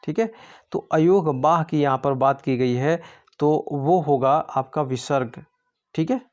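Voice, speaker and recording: A man's voice: on the high side, measured pace, a little mellow, dull audio. A man tutoring for an exam, going through quiz answers step by step in a patient way. He asks his own questions and then answers them.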